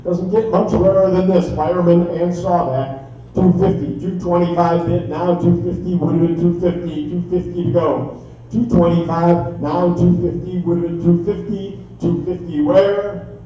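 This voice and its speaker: Male auctioneer for live bid-calling, fast repetitive chant, heard from far off in a dull, very echoey room. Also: high-pitched, little pitch movement, mellow, slight background noise. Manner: rapid repetitive bid chant with filler phrases. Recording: echoey distant dull room sound, faint music.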